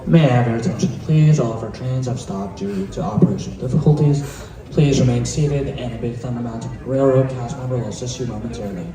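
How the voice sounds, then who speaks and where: A man making a formal, polite safety announcement over a loudspeaker intercom, delivered in a measured, scripted way. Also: mid-range voice. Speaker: ride announcer. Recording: echoey park loudspeaker heard from far off. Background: crowd chatter.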